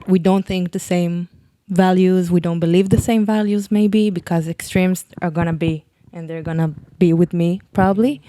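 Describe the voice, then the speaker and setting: A woman's voice: on the low side, dark tone, clear, resonant tone, no room sound. A young woman from Israel with an Israeli accent, answering conversationally as a panel guest.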